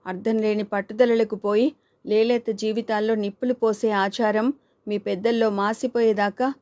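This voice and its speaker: A woman voicing Shyamala, a stern middle-aged mother who argues in a measured, firm way, in an audiobook reading. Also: medium pitch, level tone, a little mellow, dry recording, natural voice.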